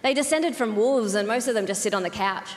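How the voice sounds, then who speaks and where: A woman's voice: on the high side, brisk, very noisy. A woman doing live stand-up comedy in a reverberant venue, telling stories in a casual, sweary, conversational way and acting out bits of dialogue. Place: comedy venue in front of an audience.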